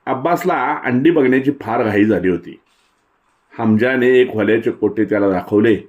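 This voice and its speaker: A man narrating a literary short story in a measured, descriptive way. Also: on the low side, a little mellow, muffled recording. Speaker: story reader.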